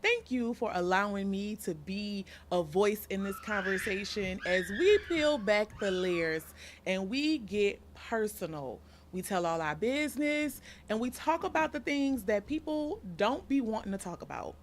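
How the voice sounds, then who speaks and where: Female podcast host, 30s, earnest and deliberate monologue, faint background noise. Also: mid-range voice, animated.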